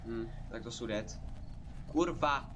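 A young man streaming a horror game, cursing loudly and yelling when scared. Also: mid-range voice. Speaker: gaming streamer. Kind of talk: live gameplay commentary. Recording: noticeable background noise.

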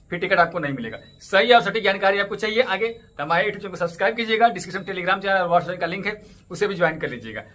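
A man's voice: high-pitched, sharp tone. A man in his thirties talking casually to camera, walking viewers through app steps and repeatedly asking them to subscribe and join his channels. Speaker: cricket ticket update YouTuber. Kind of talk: casual tutorial vlog. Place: indoors in front of a green screen stadium backdrop.

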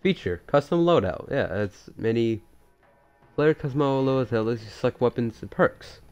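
A man giving casual, excitable commentary while playing a shooter game, swearing and thinking aloud. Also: medium pitch, moderate pace, smooth, muffled recording, soft background music. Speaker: gamer.

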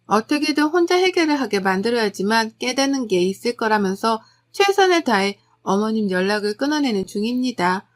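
A woman reading a first-person family story aloud as a channel narrator, in a confiding, gossipy tone. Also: fairly high pitch.

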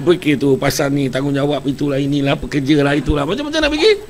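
A man with a Malaysian Malay accent preaching a humorous sermon, telling jokes in a lively storytelling manner. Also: on the high side, brisk. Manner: joking, animated storytelling.

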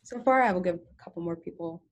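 A woman's voice: fairly low pitch, fast talker. A young woman giving an informal science presentation on a video call, talking casually with many ums and self-corrections. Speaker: student presenter.

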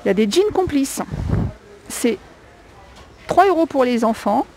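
A woman's voice: high voice, sing-song, a little slow, darkish tone, slight background noise, low-quality recording. Chatty woman touring a discount store. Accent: non-native French. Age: adult with a young child. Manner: chatty, hesitant with many fillers, listing prices. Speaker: shopping vlogger. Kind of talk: casual store walkthrough vlog. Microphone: handheld camera.

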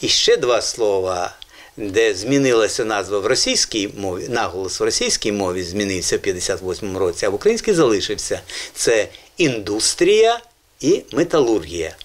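A man's voice: lowish voice, lively intonation, moderate pace. A man hosting an educational children's TV show about language, explaining words patiently and encouraging the children in the studio. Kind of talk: educational TV presenting.

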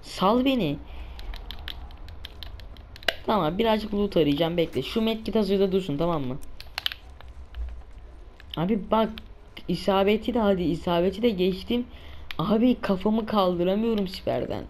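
A woman's voice: mid-range voice, normal speed, long pauses, darkish tone, slight background noise. Exasperated woman ranting through gameplay. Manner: exasperated, cursing and ranting at enemies. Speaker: gamer playing a survival shooter. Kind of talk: let's play commentary.

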